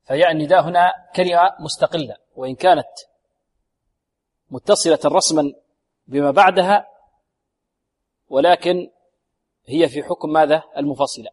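A man teaching a Quran recitation lesson. He is patient and drills students by sounding out words slowly, repeating them and asking questions. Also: fairly high pitch, a little mellow. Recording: long reverb from a large hall.

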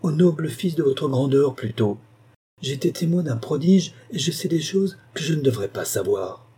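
Guy doing a young village girl, earnest, kinda breathless, a bit higher and husky. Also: expressive, normal speed, mellow. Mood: humble.

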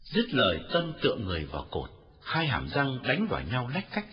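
Expressive male audiobook narrator. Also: mid-range voice, brisk. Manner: expressive storytelling reading. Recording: dull lo-fi recording with faint music.

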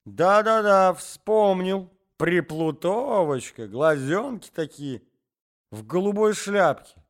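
Brief: rambling wheezy old husband, voiced by a man, lively sing-song pitch. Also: slow pace. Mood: doddering chatter. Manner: rambling, wheezy, coughs often. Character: forgetful coughing old husband, doddering and chatty.

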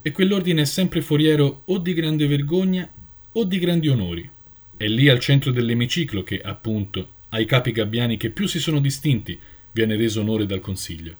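A man reading a story aloud with dramatic, expressive narration. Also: medium pitch, normal speed.

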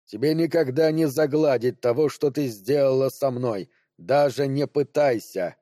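A man voicing a bitter, resentful human brain trapped in a ship's computer, speaking slowly and coldly with sarcasm. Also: medium pitch, lively intonation, warm tone, dry recording, studio quality, close to an everyday voice. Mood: angry. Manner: slow, cold and sarcastic. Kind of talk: audiobook character voice.

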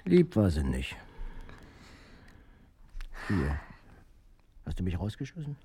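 Deep gruff old grandpa, voice swoops up and down a lot, hissy old radio play tape. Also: male voice, wildly swooping pitch, slow, mellow, heavily acted. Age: older. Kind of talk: 1980s radio play acting.

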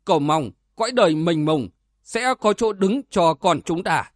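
A man reading aloud as a resigned, sorrowful middle-aged scholar who speaks softly. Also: on the high side, lively intonation, unhurried, no echo, clean studio sound. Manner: sorrowful, soft-spoken.

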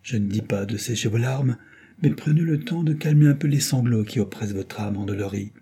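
A gentle young woman with a soft, velvety, soothing way of speaking, in a storybook reading, as a male reader puts her on. The tone stays mellow and slightly husky. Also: mid-range voice, a little fast, lightly acted. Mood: consoling.

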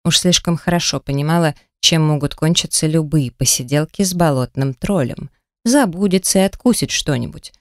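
A woman narrating a first-person fantasy audiobook with a lively, wry storytelling manner. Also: sits low, normal speed, no echo, studio quality.

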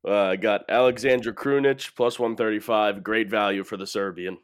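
A man's voice: fairly low pitch, steady tone, moderate pace, no room sound. A man co-hosting a sports betting podcast, laid-back and dry in his banter. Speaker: podcast co-host. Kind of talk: casual sports betting chat.

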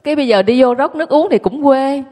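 A woman tells her own story to an audience, candid and self-mocking. Her voice sits fairly high. The room carries a long, ringing reverb. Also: fast, dark tone. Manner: candid, self-mocking, laughs while telling. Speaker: guest recounting her childhood.

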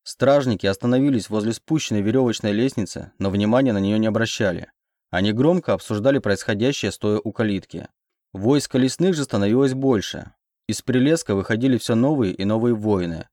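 A man reading a first-person audiobook in a steady, measured voice. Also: lowish voice, no echo, studio quality. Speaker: audiobook narrator.

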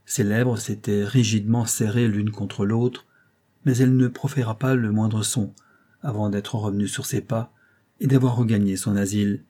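A man reading a novel aloud in a measured, steady way. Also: fairly low pitch. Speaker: audiobook reader.

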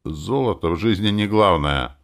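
A man's voice: mid-range voice, sing-song, moderate pace, voice pushed up, close to an everyday voice. A man voicing a grumpy, stern older elf architect and father in an audiobook, blustering and formal by turns. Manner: blustering, then solemn and formal.

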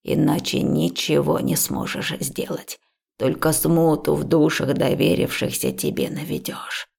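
A wise, stern old herbalist woman, as a female narrator puts her on, in a storybook reading. She speaks slowly and low, with a gravelly, darkened tone. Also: animated, a little mellow, heavily acted. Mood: firm. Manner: slow, low, measured instructions.

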